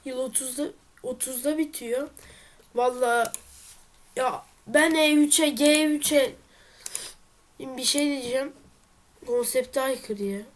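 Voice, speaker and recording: A woman with a high voice plays through a game and talks it over as she goes. Her nose sounds stuffy. She grumbles under her breath, then breaks into exasperated outbursts. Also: slow, long pauses. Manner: frustrated, exclaiming and muttering at the game. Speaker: let's player. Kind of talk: let's play commentary.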